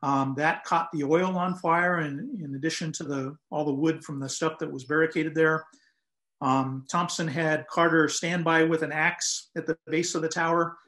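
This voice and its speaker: A man's voice: on the high side, fairly bright tone. Older man explaining history on a video call. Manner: measured, explanatory, frequent "um" and "uh". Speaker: lighthouse historian guest. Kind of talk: conversational historical account. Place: home room, indoors.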